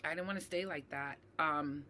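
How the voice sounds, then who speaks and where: A woman's voice: deep voice, normal speed, bright, forceful tone, slight background noise. A middle-aged woman, a mental health advocate, speaking emotionally and personally to her viewers, with many fillers and tag questions. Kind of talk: personal talk to camera.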